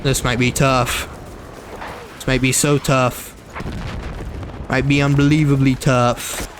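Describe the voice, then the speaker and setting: Speaking slowly in a level, mid-range voice, this young man keeps up constant casual commentary as he streams a shooter game. He wanders, repeats himself and backtracks, a slight frog in his throat, while background noise runs underneath.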